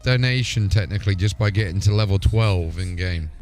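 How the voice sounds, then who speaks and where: Over background music, a deep-voiced man streams a live game, chatting briskly and informally in a matey way with the odd mild swear.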